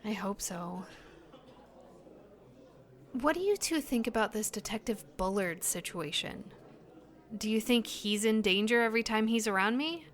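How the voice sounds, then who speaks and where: With a fairly high pitch and lively intonation, an actress speaks at a measured pace broken by long pauses. She plays an uneasy yet determined young woman in a naturalistic audio drama, her lines hesitant, earnest, and full of questions.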